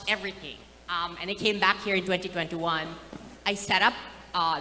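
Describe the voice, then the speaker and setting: A woman's voice: fairly low pitch, sharp tone, a little hiss or hum. A woman startup founder on a conference panel, telling her story in an earnest, reflective way. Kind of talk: panel talk. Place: conference stage. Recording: reverberant event hall.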